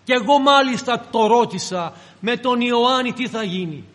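A man with a very high voice delivers a sermon, telling the scripture story dramatically and slipping into its characters' voices. His words ring out with the long reverb of a large church hall. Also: a bit bright. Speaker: preacher.

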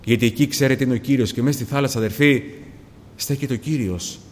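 Man preaching in a long-reverb hall. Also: mid-range voice. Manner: addresses the congregation as brothers again and again, swings from hushed to loud. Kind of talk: sermon.

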